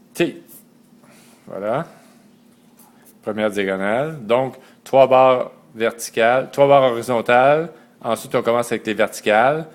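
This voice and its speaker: A man, slowly and methodically teaching a writing system letter by letter. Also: mid-range voice. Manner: slow and methodical, spelling out letters one by one. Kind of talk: step-by-step lesson.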